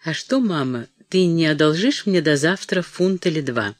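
A rude, scheming grown son, curt and bitter in his demands, read by a man. The voice is a touch high. The sound is dry and close. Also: lively intonation, moderate pace, no room sound, natural voice. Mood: demanding.

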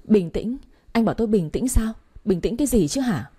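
A woman voicing a betrayed wife who shouts demands at her husband, reading a story aloud. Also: medium pitch, lively intonation, brisk, slightly rough. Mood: shrill anger. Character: betrayed wife, furious and desperate.

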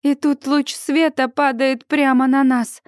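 A woman narrating a first-person audiobook in an expressive, dramatic reading style. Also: high-pitched, measured pace, no echo, clean studio sound.

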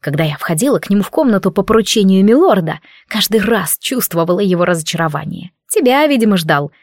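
A woman's voice: mid-range voice, animated, fast, no echo, studio quality, close to an everyday voice. A woman voicing a spiteful, jealous young maid who talks in a venomous, mocking hiss. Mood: gloating.

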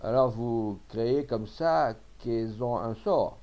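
A man's voice: medium pitch, slow pace, mellow. A man voicing a poor, timid peasant who pleads in humble rustic speech. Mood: pleading.

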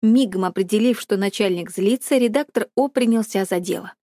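A woman narrating an audiobook chapter in a measured, even reading. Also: medium pitch, no echo, clean studio sound. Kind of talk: scripted narration.

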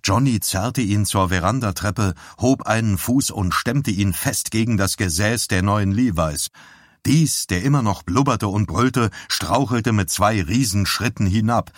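A man narrating an audiobook in a steady, measured way. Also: lowish voice, no room sound, studio quality.

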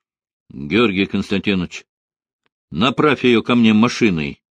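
A man's voice: fairly low pitch, expressive, measured pace, no echo. Man reading as a moved, reserved marshal.

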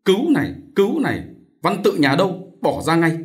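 A man's voice: fairly high pitch, big pitch swings, fairly quick, pitched above the performer's own voice. A man playing a brutal, furious husband who snarls bullying threats.

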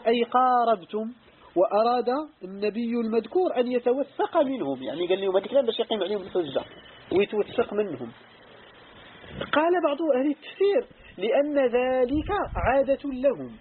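A man's voice: high voice, narrow, tinny audio, a little hiss or hum. A man with a Moroccan accent, an Islamic scholar giving a lesson on Quran commentary. He explains step by step, asks and answers his own questions, and moves between classical recitation and everyday dialect.

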